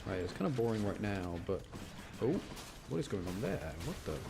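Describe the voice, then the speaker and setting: Music plays in the background as a game streamer with a lowish, sing-song voice talks at normal speed. He gives casual, chatty live commentary, explaining mechanics and muttering to himself over game sound, in a clear recording with background noise.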